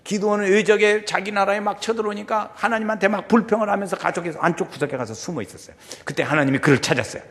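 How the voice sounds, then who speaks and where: A man preaching a sermon as pastor, swinging between loud exclamations and quiet asides. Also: high voice, racing, few pauses, long reverb tail. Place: church sanctuary.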